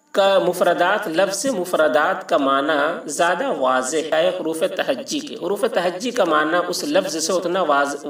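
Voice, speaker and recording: A man teaching a patient alphabet lesson, slowly spelling out and repeating each letter. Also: fairly high pitch, fairly bright tone, distant mic. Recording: echoey room, mic set back.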